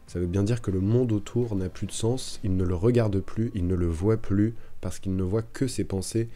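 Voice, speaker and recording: Male teacher, low voice, very dark tone; casual streamed lesson with fillers and self-corrections. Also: fairly even intonation, moderate pace. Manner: thinks aloud with many fillers and restarts. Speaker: French literature teacher streaming revision. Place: home streaming setup. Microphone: streaming microphone.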